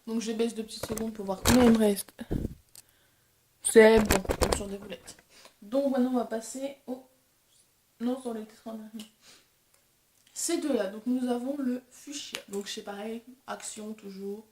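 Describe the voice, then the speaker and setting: A woman's voice: fairly high pitch, steady tone, measured pace, pauses often, echoey room, background noise. A young woman vlogger chatting casually and self-deprecatingly while testing makeup. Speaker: beauty vlogger. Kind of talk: casual chat.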